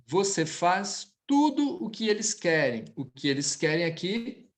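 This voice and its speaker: A man with a Brazilian accent teaching French, stretching out each model phrase slowly before explaining it quickly. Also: sits high, very animated. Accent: Brazilian Portuguese. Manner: slow, drawn-out model pronunciation between quick explanations. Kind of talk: online language lesson.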